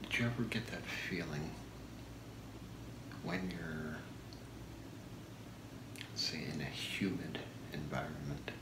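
A man in his thirties doing an ASMR role-play as a shopping channel host, soft-spoken, with a slow, deliberate product pitch in a small room. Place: small home room, indoors. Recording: echoey room with clear background noise.

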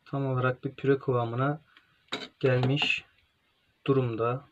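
A young man from Turkey, a gastronomy student, calmly walking through a cooking demonstration step by step, with pauses and fillers. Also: medium pitch. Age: young adult. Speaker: gastronomy student presenting a recipe. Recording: dull lo-fi home recording with faint noise.

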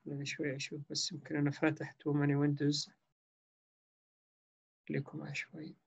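A man's voice: a little high, monotone, fairly quick, creaky, slightly rough, lo-fi sound. A male lecturer with a Levantine Arabic accent, explaining patiently and checking in with his class, his online call audio choppy and cutting out. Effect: choppy online call audio that keeps cutting out. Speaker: university lecturer.

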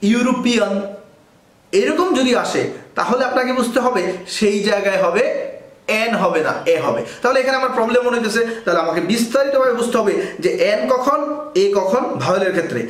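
A man's voice: very high-pitched, lively intonation, brisk, fairly bright tone, roomy sound. A man explains a grammar lesson step by step, asking questions and answering them himself. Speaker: English grammar teacher.

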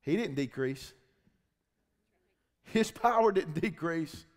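A man preaching a sermon, swinging between loud shouting and low, intense talk. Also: expressive, slow pace. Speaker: pastor. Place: church hall. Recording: long church reverb.

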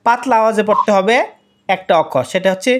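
A woman's voice: mid-range voice, fast talker. A woman teaching an online Quran lesson, patiently repeating each letter sound to demonstrate it.

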